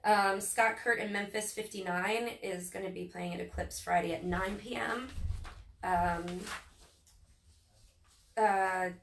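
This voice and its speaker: A woman from Northern Virginia co-hosting a casual live stream, reading event listings in a chatty way with many ums, her voice a little hoarse. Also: medium pitch, fairly even intonation, slow pace, long pauses, a bit bright. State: losing her voice. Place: local speed shop, indoors. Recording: echoey room, far from mic, faint noise.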